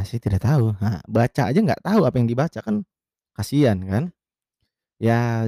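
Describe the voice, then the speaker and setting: A man's voice: dry recording, clean studio sound. A man telling a story in casual slang, acting out quoted lines and sounding exasperated. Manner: animated, acts out quotes with raised pitch, exasperated.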